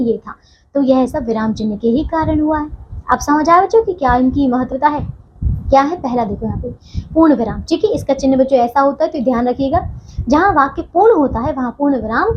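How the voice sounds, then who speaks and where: High-voiced woman teaching young children. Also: highs cut off, a little hiss or hum. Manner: patient, repeats and checks understanding with the class. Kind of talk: grammar lesson for young children.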